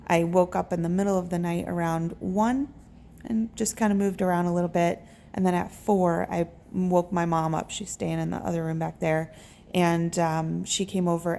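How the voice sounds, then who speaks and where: A woman giving a casual vlog update, talking haltingly and pausing to search for words. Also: on the low side, level tone, creaky, dark tone. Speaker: patient recording a recovery vlog. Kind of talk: casual update talk to camera. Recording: faint background room noise.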